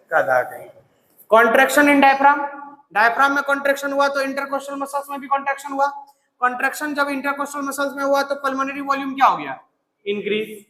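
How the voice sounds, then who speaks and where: A male biology teacher lecturing a class, dictating slowly, repeatedly prompting students to answer and scolding them bluntly. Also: extremely high pitch, fairly bright tone. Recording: echoey classroom with long reverb.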